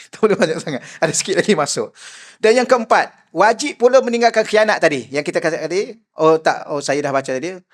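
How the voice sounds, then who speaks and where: An older man with a Malaysian accent, giving a mosque lecture as a religious teacher, telling jovial stories and acting out the voices he quotes. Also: high voice. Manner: jovial storytelling, acts out quoted voices, laughs often.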